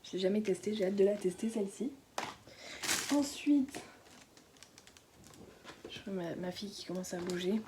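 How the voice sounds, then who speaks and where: A teenage girl talks through her beauty haul in a hushed, chatty way, often sinking to a whisper and stumbling over fillers and restarts. Her pitch sits in an ordinary middle range. A faint background hiss runs under her voice. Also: normal speed, pauses often. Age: late teens. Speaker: beauty vlogger. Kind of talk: casual product haul. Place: at home indoors.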